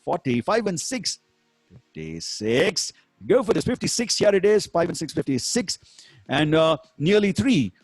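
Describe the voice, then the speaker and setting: A man's voice: fairly high pitch, big pitch swings, measured pace, no room sound, soft background music. A man with an Indian accent working as a bingo caller, calling numbers with rhymes in a showy, repetitive sing-song patter. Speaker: bingo caller hosting an online game.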